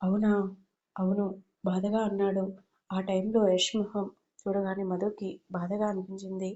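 A woman reads a romantic audio story aloud in a warm, mellow voice that stays fairly flat and even. The recording is a little dull and lo-fi. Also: mid-range voice, normal speed.

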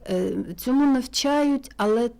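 A woman with a Ukrainian accent, a sound engineer chatting as a studio guest, telling stories with many pauses and fillers. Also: high-pitched, clean tone. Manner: relaxed, storytelling, many hesitations. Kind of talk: casual studio interview.

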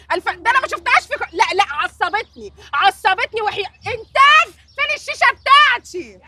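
A haughty, jealous actress snaps her demands in a very high, bright voice with an Egyptian accent. Her pitch swings and she talks fast. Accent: Egyptian Arabic. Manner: sharp and demanding.

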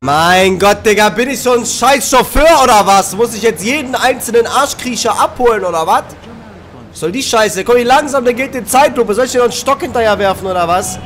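A young man with a very high voice does gaming commentary, swinging widely in pitch as he rants. He is exasperated and swears freely in street slang. Game music plays behind his close-miked voice. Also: expressive, a little fast, a bit bright. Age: 20s. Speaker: let's play gamer. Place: small indoor room at home. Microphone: large microphone close to the mouth, headset. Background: game music and sound.

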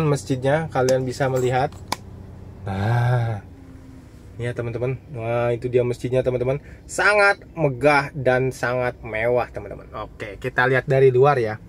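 A man's voice: medium pitch, background noise. A man vlogging from a moving car at night, chatting casually and guiding viewers along the road. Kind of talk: casual driving commentary.

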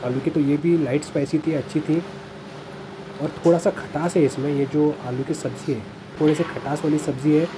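A man's voice: on the high side, steady tone, normal speed. Chatty man reviewing food in a café. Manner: chatty, enthusiastic, hesitant fillers. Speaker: food vlogger. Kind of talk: casual food review narration. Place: small café, indoors. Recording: noisy café background.

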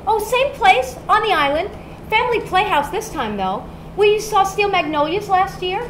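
A woman's voice: extremely high pitch, sing-song, normal speed, fairly bright tone, exaggerated voice. An actress on stage playing a wry, harried woman who hosts children's parties. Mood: chatty. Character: harried adult woman party host, wry. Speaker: party host at a children's play space. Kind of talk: stage musical acting. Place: off-Broadway theater stage. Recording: echoey stage with audience noise.

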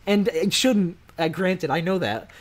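A man's voice: high-pitched, a little slow. A young man in his twenties co-hosting a podcast, ranting in casual chat, full of fillers and heated asides. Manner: animated, worked-up ranting with lots of "like". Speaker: podcast co-host.

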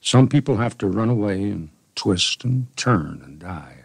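An older man, a street poet, heard on an old 1970s radio interview recording, talking in a halting, folksy way and reading his own poem. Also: fairly low pitch, expressive, gravelly, slightly rough, no echo.

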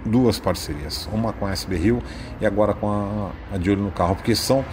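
Speaking fairly quickly in a fairly low register, a Brazilian car-channel host leads an informal screen-share tour of a website while the background stays noisy. His Brazilian Portuguese accent comes through as he chats casually, musing aloud and leaning on fillers.

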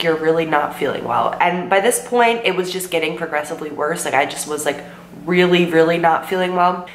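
On the low side, this young woman's voice is worn from illness, her throat sore, as she tells a chatty, rambling storytime to the camera. She is a vlogger in her twenties who says "like" and "um" a lot and quotes herself. Recorded indoors in her bedroom with bookshelves, with the camera in front at desk distance, the audio is roomy with a faint hum.

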